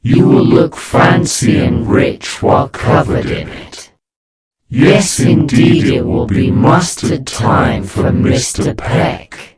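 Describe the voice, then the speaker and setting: Man voicing a whispering male council, taunting, sing-song, very slow, crowd noise roaring behind. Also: medium pitch, sing-song. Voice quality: whispered, unvoiced.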